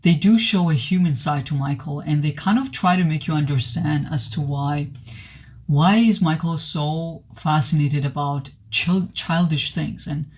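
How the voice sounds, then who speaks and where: A movie reviewer with a slightly high voice, still hoarse from a recent illness, gives a casual spoken film review. He sounds earnest but hesitant, halting often and restarting his sentences many times.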